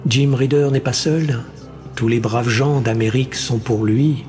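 A man voicing a theatrical television host who speaks slowly and emphatically. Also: medium pitch, steady tone, a little mellow, faint music behind, lightly acted. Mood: grandiose. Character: smooth male TV show host, grandiose.

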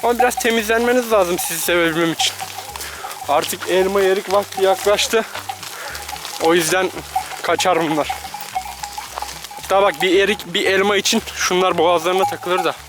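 A man's voice: high-pitched, steady tone, normal speed, pauses often. Chatty man calling out to his herd. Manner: chatty, coaxing and scolding the animals with repeated calls; joking asides to viewers. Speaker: vlogger herding livestock. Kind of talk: casual running commentary to camera. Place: outdoors on a pasture with animals. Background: background music and farm animals.

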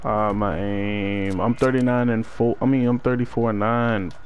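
A man's voice: lowish voice, fairly even intonation, normal speed, slight background noise. A man in casual gaming voice chat, making slangy play-by-play remarks. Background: game gunfire.

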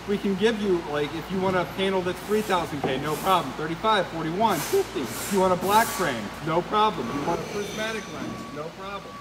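A man answering questions on a warehouse tour, brisk and confident. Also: sits high. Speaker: company manager. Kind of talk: explaining to a host on a tour. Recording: noisy warehouse ambience.

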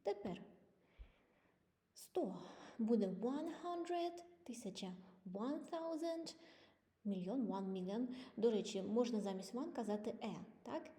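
A woman's voice: fairly high pitch, lively intonation, mellow. Patient woman teaching, roomy reverb. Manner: patient, clear, slow model pronunciation of English words. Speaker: English teacher. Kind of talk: online language lesson. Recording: long reverb.

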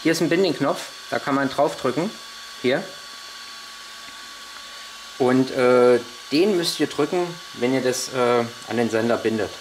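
A man's voice: medium pitch, unhurried, pauses often, slight background noise, rough recording. A man giving a hands-on tutorial on a model truck, explaining each step while he handles the parts, with frequent hesitations. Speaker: RC model reviewer.

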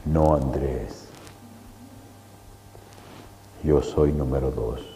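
A man voicing a towering male angel who speaks slowly and gravely. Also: rumbling low, flat delivery, dark tone, pitched below the performer's own voice. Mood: solemn. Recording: echoey hall, faint noise.

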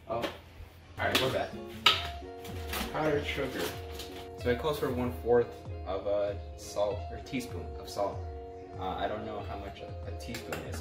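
A young man rambling in a goofy, self-deprecating way while he cooks in a home kitchen. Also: on the low side. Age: young adult. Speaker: vlogger. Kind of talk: casual cooking vlog. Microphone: camera held by someone a few steps away. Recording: echoey kitchen, far from mic, loud music behind.

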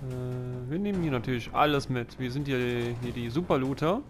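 A man's voice: medium pitch, moderate pace, over music. A man giving casual let's play commentary, muttering to himself and swearing now and then. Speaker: let's player.

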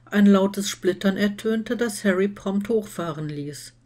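A woman reading fan fiction aloud in steady, scripted storytelling narration. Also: mid-range voice, a little slow. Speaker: reader.

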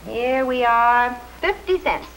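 An actress playing a patient young mother in a 1950s television sitcom, coaxing and gently teasing. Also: fairly high pitch, expressive, takes it slowly, exaggerated voice. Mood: motherly, coaxing. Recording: noisy 1950s TV soundtrack, audience sound.

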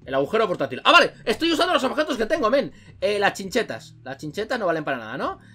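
A man with a Spain Spanish accent commentating his game playthrough, excitable, jumping between muttering and yelling. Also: sits high, fast talker, husky. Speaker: gaming YouTuber.

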